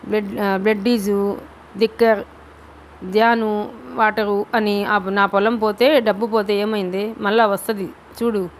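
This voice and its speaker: A woman voicing a greedy, harsh, sarcastic middle-aged father who speaks slowly in a rustic, mocking way. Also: mid-range voice, little pitch movement, slight background noise, lightly acted. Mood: scornful.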